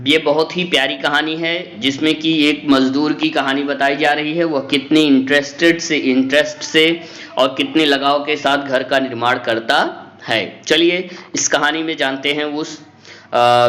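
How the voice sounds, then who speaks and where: A man's voice: a little high, pushed and bright. A man explaining an English textbook lesson, reading the English lines and then explaining them at length in Hindi. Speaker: English teacher.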